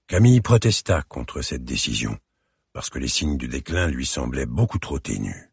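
Audiobook narrator, man, very deep and gravelly, husky, expressive measured reading, dry close recording. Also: no echo. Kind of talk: scripted narration.

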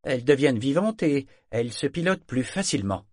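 A man plays a wealthy skeptic in a storybook, plaintive and grumbling. The voice sits raised and loud. It is recorded close and dry. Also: mid-range voice, lively intonation, fast talker, no room sound, voice pushed up, natural voice. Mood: complaining.

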